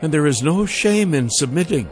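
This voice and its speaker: A man's voice: on the high side, expressive, normal speed, voice pushed up, close to an everyday voice. Man doing a lofty, teasing noblewoman. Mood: coaxing. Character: poised, teasing young noblewoman ruler.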